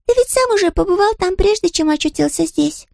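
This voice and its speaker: A woman reading aloud and voicing a tiny, fluffy yellow chick girl who is curious and chatty, with a squeaky voice and a stream of eager questions. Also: expressive, a little fast, gravelly, dry recording, clean studio sound, full character voice. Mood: friendly.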